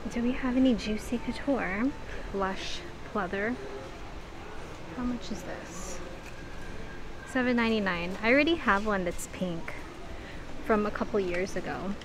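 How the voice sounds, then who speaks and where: This shopping vlogger, medium-pitched and unhurried, pauses often while she thinks out loud and chats casually as she browses. The shop-with-me vlog is recorded inside busy stores and a mall, with shop and mall sounds in the background.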